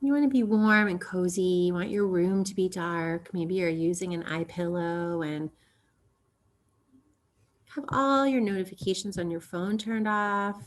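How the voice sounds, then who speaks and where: A woman teaches yoga nidra, leading a relaxation meditation that is gentle and soothing, unrushed, and full of long pauses. Her pitch is fairly low.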